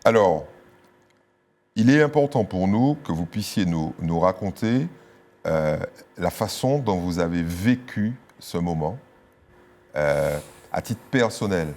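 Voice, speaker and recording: A man's voice: sits low, expressive, slow pace, long pauses, a little mellow. A man hosting a TV interview, asking probing and teasing questions in a studio. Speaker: talk show host.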